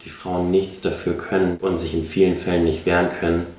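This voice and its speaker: A man's voice: low-pitched, level tone, brisk, darkish tone, reverberant, recorded from a distance. A man in his twenties, a civil servant, giving matter-of-fact answers in a documentary interview. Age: 20s.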